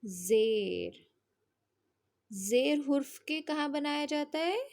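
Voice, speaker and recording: A high-pitched woman teaches young children at an unhurried pace. She patiently spells out sounds in drills and keeps asking if they follow. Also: animated, creaky, darkish tone. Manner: patient, drawn-out spelling drills with frequent check-ins. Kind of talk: slow children's lesson.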